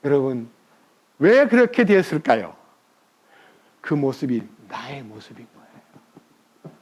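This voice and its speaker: Lively high-voiced preaching man. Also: takes it slowly, breathy edge. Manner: animated storytelling with rhetorical questions to the congregation. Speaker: pastor. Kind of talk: sermon. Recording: dull lo-fi recording.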